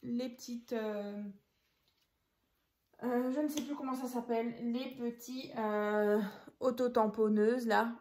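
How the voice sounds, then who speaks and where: Craft host, woman, slightly high voice, unhurried, thinks aloud, echoey room. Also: steady tone, a little mellow. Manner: chatty, thinks aloud, counts pieces while working. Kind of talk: casual craft tutorial.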